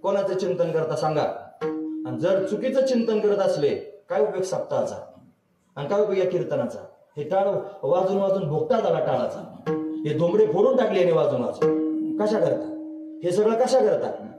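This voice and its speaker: A man's voice: high-pitched, animated, moderate pace. A man preaching a devotional kirtan sermon, telling stories, asking the audience questions and chuckling now and then. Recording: echoey hall recorded from a distance, faint music.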